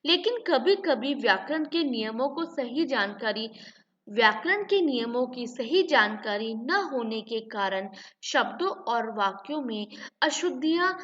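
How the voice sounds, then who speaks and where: A woman teacher giving a classroom grammar lesson, reading each word twice, slowly and with emphasis, and addressing her pupils as children. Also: on the high side, lively intonation, fairly bright tone, far from the mic, highs cut off.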